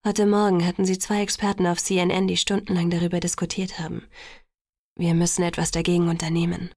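A calm, measured male vampire who leads his family, from an audiobook, read by a woman in almost her own voice. There is a creaky grain in her voice, and the recording is dry and close. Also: on the low side, dry recording. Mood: worried. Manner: measured, worried. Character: calm older male vampire father figure. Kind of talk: audiobook reading.

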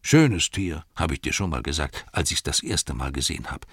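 A man voicing a bustling, excitable innkeeper who rattles on breathlessly and yells at his staff, in a storybook reading. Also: a bass voice, husky, dry recording, clean studio sound, exaggerated voice. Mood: blustering. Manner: rapid breathless torrent of words, shouting at staff.

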